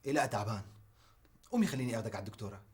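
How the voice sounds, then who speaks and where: An actor playing a protective, insistent older brother in a TV drama. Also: male voice, lowish voice, animated, very fast, lightly acted. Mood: coaxing. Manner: coaxing, insistent, rising to shouts. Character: protective young man, pushy and anxious. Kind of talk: TV drama acting.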